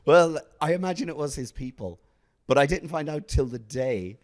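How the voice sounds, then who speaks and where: A young adult comedian from South Africa, chatting casually on a podcast and telling stories with frequent laughs. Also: male voice, fairly high pitch, normal speed. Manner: storytelling, laughing often, animated. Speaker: comedian guest.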